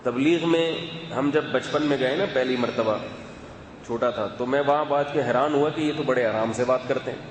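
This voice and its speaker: A male preacher talks in a relaxed, chatty manner, turning to his listeners with asides. His voice sits in the middle range and rings through a roomy hall with a long echo. A faint hum lies under the talk. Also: mid-range voice. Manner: calm, chatty, asides to the audience. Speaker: religious scholar giving a talk. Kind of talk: conversational religious talk.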